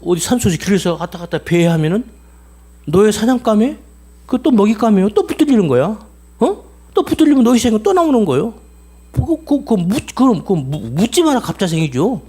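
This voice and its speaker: A man's voice: sits high, husky. A man preaching a sermon, telling a story with many repetitions and questions to the congregation. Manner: animated, repeats himself, asks the congregation questions. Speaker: pastor.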